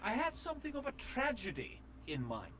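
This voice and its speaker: Polite game robot butler: formal, wordy, very lively pitch. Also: male voice, fairly quick, slight background noise, exaggerated voice. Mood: courteous. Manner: formal and courteous.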